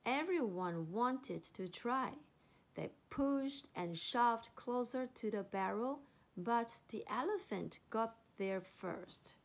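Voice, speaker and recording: Woman storyteller, children's reading, slow and bright-pitched. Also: creaky. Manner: slow, expressive.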